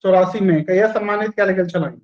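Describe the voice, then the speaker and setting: A man's voice: sits high, fast talker, darkish tone, muffled recording. A male teacher running a live online quiz class, repeating each question and its options and praising students by name.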